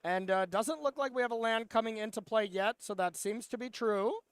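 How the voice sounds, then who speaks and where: A man's voice: high-pitched, moderate pace, a bit bright, smooth, no room sound. A man giving live play-by-play commentary on a card game, analytical with dry sarcasm.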